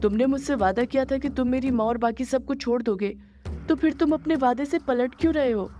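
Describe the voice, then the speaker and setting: A woman's voice: medium pitch, normal speed, warm tone, lo-fi sound, soft background music, close to an everyday voice. A woman voicing a brave, firm young daughter in a horror story.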